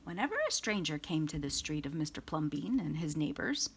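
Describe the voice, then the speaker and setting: A woman reads a children's picture book aloud for storytime, giving it expressive, dramatic emphasis. Her voice sits low, sounds husky, and moves briskly.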